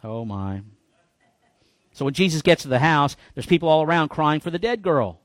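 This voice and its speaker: A man's voice: on the high side, moderate pace, dry recording, studio quality. Folksy pastor in his fifties. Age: 50s. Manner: folksy, joking, animated bursts when quoting. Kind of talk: sermon. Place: church.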